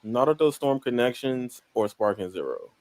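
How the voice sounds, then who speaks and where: A man's voice: medium pitch, animated, moderate pace, darkish tone, dry recording. Man questioning casually, very dry sound. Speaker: debate participant.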